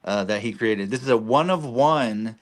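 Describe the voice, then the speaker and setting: A man co-hosting a casual card stream over a video call, explaining a collectible in a relaxed way. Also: mid-range voice, normal speed. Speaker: co-host showing cards. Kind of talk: casual live-stream chat.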